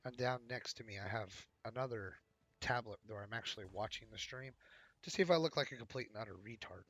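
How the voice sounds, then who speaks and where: A man streaming a card game live, muttering casual commentary to himself as he plays, with a sore, squeaky throat. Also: a little fast, a bit bright, husky, no echo.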